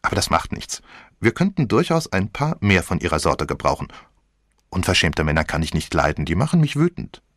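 A man's voice: sits low, sing-song, brisk, fairly bright tone, dry recording, clean studio sound, exaggerated voice. A man voicing a flippant, teasing girl of about seventeen in an audiobook, with theatrical, mock-dramatic speech.

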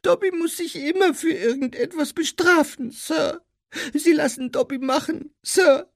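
A man voicing a small, servile male house-elf with a piercing squeaky voice who calls everyone sir. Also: a little slow, no echo, studio quality. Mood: anxious. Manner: calls everyone sir, refers to himself by name.

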